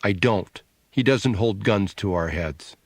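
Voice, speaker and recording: A man voicing an earnest, quietly pious younger brother who speaks in a subdued, solemn way, in an audiobook. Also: fairly low pitch, measured pace, no room sound, studio quality.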